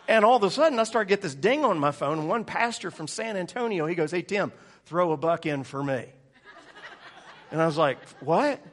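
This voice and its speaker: A man's voice: on the high side, a bit bright. Laughing, joking man in his forties preaching. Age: 40s. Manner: joking, storytelling, laughing often. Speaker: pastor. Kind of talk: sermon.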